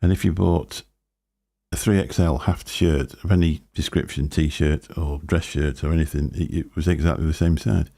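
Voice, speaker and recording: Talking into a desk mic routed through a mixer, a man hosts a loose live stream, drifting between topics, chatting, and chuckling to himself. His deep, booming voice is dark with vocal fry, steady in tone, at a normal speed.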